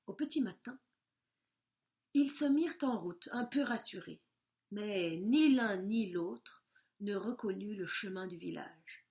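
Slow, gentle woman reading a storybook. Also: mid-range voice, creaky. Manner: gentle, measured, expressive.

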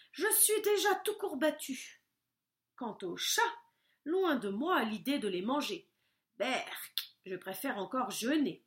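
A woman voicing an old, sly male wolf with sore teeth in a storybook, sly humming and high pleading whining.

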